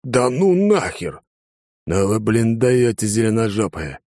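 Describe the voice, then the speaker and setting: A man's voice: on the low side, lively intonation, normal speed, darkish tone, no room sound, clean studio sound, pitched above the performer's own voice. A man voicing a brash, crude young ninja soldier in an audiobook, grumbling and cocky. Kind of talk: audiobook character voice.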